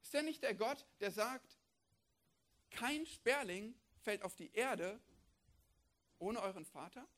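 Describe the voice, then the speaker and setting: A man preaching a sermon, emphatic and full of rhetorical questions, swinging between loud declarations and hushed lines. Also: sits high, expressive, takes it slowly, pauses often.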